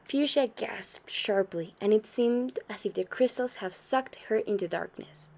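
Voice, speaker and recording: A young adult woman reading a short story aloud in a steady storytelling manner, softening her voice for quoted lines. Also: medium pitch, moderate pace. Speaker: student reader.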